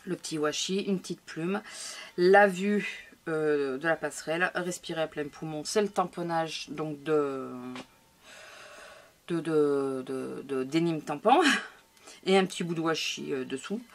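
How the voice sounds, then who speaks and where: A woman casually showing her scrapbook album to viewers, chatty and hesitant, with many fillers and restarts. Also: lowish voice. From France. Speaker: scrapbooking vlogger. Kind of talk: casual show-and-tell of a craft album.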